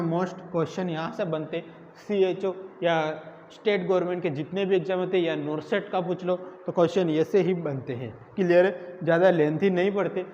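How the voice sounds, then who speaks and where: A man's voice: high voice, a little mellow. A man teaching a nursing exam class, who keeps asking the students questions and answering them himself. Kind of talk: classroom lecture. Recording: echoey room, dull lo-fi sound, faint noise.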